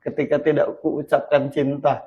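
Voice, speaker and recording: A man's voice: fairly high pitch, little pitch movement, normal speed, muffled recording. Reflective man musing on marriage. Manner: reflective, acts out examples, swings from loud to hushed. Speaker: host. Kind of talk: casual talk on marriage.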